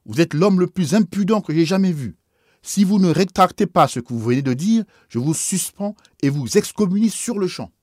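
A man's voice: mid-range voice, animated, moderate pace, darkish tone, husky, dry recording, studio quality. A man voicing a stern, indignant older bishop who scolds with haughty authority. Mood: furious.

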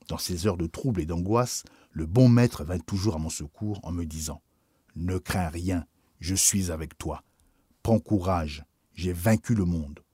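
A man narrating a first-person memoir in a measured, expressive audiobook reading. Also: sits low, breathy edge, no room sound, studio quality.

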